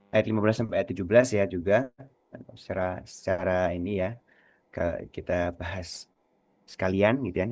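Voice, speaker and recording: Slow low-voiced man teaching recitation. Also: darkish tone, no room sound, highs cut off. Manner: slow, patient, repeats words to demonstrate. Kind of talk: radio tajwid lesson.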